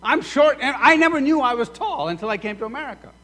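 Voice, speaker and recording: A Sudanese pastor with a very high voice preaches a sermon at a quick pace in a church sanctuary, the recording full of echoey hall reverb. He is animated, acting out both sides of imagined conversations.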